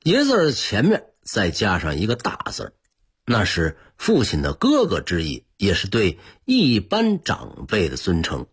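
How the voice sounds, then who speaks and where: Raspy man, very lively pitch. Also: unhurried. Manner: chatty storyteller, addresses listeners directly. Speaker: radio presenter. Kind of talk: scripted radio talk on old customs.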